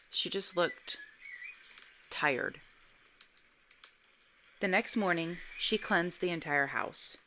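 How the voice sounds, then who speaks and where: A woman narrating a first-person ghost story in a measured, suspenseful way. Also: sits low, pushed and bright, a little hiss or hum. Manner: slow, measured, suspenseful delivery.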